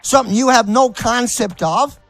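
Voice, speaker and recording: A man's voice: very high-pitched, normal speed, vocal fry, a bit bright, soft background music. A male host ranting in angry, mocking commentary, swearing constantly.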